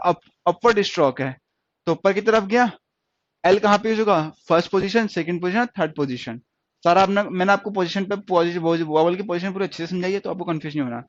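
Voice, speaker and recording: Guy teaching shorthand online, kinda high voice, goes over each sound again and again, dry muffled audio. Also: no echo. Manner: explains step by step, repeats words and sounds slowly. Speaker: stenography teacher. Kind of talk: online lesson.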